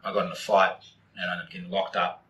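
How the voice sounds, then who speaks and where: A man's voice: low-pitched, lively intonation, fast talker, sharp tone, a little hiss or hum, low-quality recording. A man in his forties with a New Zealand accent, a podcast guest telling his story in blunt, candid, profanity-laced casual talk. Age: 40s.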